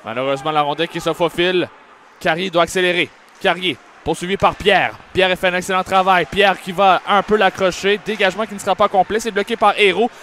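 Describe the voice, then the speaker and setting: A man with a Quebec French accent giving excited play-by-play hockey commentary, with animated, exclamatory calls. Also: sits high, fairly quick. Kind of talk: excited live sports commentary. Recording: clearly noisy live arena commentary. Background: ice rink ambience.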